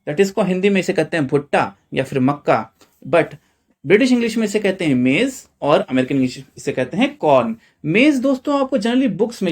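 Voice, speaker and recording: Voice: mid-range voice, a little mellow. A teacher from India explaining a vocabulary lesson, often calling the viewers friends and repeating reminders to remember each word. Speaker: English teacher.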